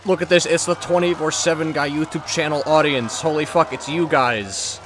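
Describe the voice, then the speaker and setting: A man's voice: a little high, fairly even intonation, moderate pace, noisy background. A man chatting casually as a gaming streamer, rambling and joking with plenty of swearing. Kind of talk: casual chat while playing and reading game dialogue.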